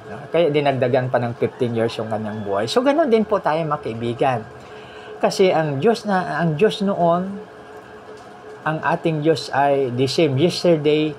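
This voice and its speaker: Guy preaching, tells stories, voice jumps way up when he quotes people, faint hiss behind. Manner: animated storytelling, voice rising high when quoting people; mixes English phrases into the preaching, frequent "no?" tags. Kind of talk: sermon.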